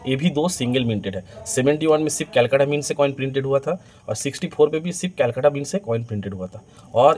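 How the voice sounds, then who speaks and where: A coin seller with a mid-range, darkish voice pushes his stock to video viewers in an eager, repetitive hard sell reminiscent of teleshopping. It's a clearly noisy amateur recording with ambient sound.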